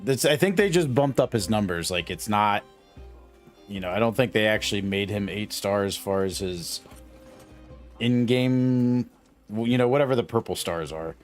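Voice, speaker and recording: A man's voice: lowish voice, expressive, moderate pace, faint music behind. A man in his forties hosting a casual live game stream, joking with his co-streamer and greeting viewers by name. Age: 40s. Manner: easygoing, jokey, greets chat by name. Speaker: gaming streamer, channel host. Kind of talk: casual live-stream chat while gaming.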